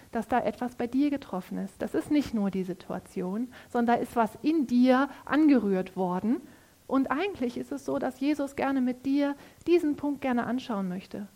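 A woman's voice: on the high side, darkish tone. A woman preaching a sermon in a casual, conversational way, speaking straight to her listeners.

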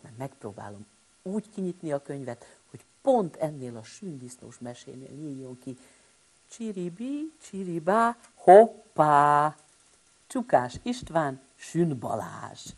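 A woman telling a rhyming bedtime story to children, animated and speaking to them directly. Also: very deep voice, creaky, husky.

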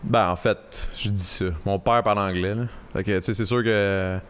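A man with a Québécois accent, a podcast guest, talking casually in a living room, relaxed and joking, rambling with restarts. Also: lowish voice, moderate pace, smooth. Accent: Québécois French. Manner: laid-back, joking, rambling with many restarts. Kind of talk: casual chat.

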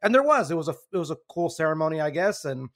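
Rambling male podcast host, slightly high. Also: big pitch swings, fast talker, a bit bright. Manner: rambling, conversational, self-correcting. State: losing his voice. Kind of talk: casual sports podcast chat.

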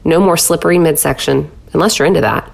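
A woman announcer reading a scripted product commercial with a creaky voice. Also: sits low, fast talker. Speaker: advertisement announcer.

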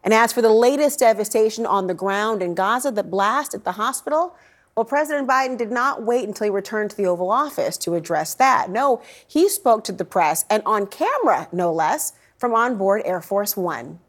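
A woman's voice: medium pitch, animated, normal speed. A woman anchoring a news show, presenting in a direct and emphatic way.

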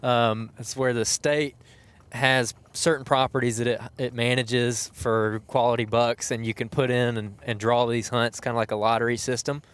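A man hosts a casual podcast from inside a truck. His voice sits at a medium pitch, and he talks in a conversational, unscripted way. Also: little pitch movement, normal speed, clear, resonant tone. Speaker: podcast host. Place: inside a truck being driven.

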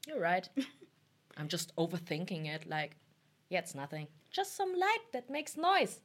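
A young woman in casual chat, loud and playful, often exclaiming and laughing. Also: lowish voice, sing-song, measured pace.

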